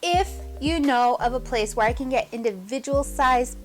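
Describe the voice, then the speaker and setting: A woman's voice: sits high, normal speed, soft background music. A woman hosting a casual cooking demonstration, chatty and upbeat, often speaking straight to her viewers with questions. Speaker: cooking show host.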